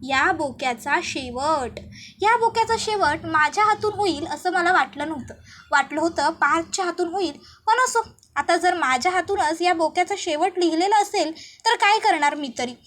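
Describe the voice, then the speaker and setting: A woman's voice: very high voice, animated, normal speed, fairly bright tone. A woman voicing a jealous, scheming young woman rival, in a defiant, taunting manner. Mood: grim, resolved.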